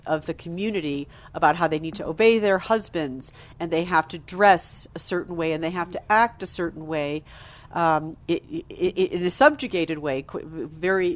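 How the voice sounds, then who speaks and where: Woman editor hosting a studio interview. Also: on the low side. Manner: fluent, long framing questions with fillers. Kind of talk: interview host.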